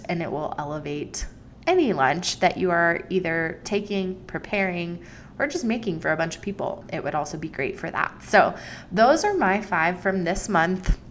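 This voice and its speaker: A young adult woman hosts her own solo podcast, chatty and enthusiastic, adding playful emphasis. Her voice is lowish, with a slight hiss or hum in the audio.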